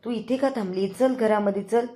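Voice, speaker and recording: A woman's voice: mid-range voice, moderate pace, voice pushed up, close to an everyday voice. A woman doing a meddling gossipy aunt. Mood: gossiping. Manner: loud, stirring up trouble.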